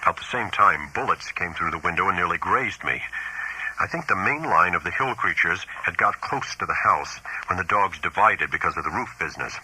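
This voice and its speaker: A frightened farmer writes in haste and dread, read aloud by a man. His voice sits extremely low yet rings bright and edgy, the words halting and haunted. It is an audiobook of horror tales. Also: animated, a little hiss or hum, full character voice, poor audio. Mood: uneasy. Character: frightened older male farmer writing letters. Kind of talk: audiobook reading of horror letters.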